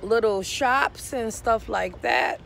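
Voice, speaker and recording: A woman's voice: a little high, slow, gravelly. A woman in her thirties vlogging casually while walking through a flea market, blunt and chatty, talking to her viewers. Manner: chatty, blunt, laughing, talks to viewers as y'all. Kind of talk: casual vlog narration. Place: outdoor parking lot, then big indoor flea market. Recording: loud background noise.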